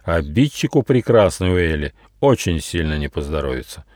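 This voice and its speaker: A man narrating his own children's fairy tale, expressive and playful. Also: low voice, moderate pace, dry recording, clean studio sound. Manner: expressive, switches into many character voices. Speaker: author reading his own book. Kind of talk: storybook narration with character voices.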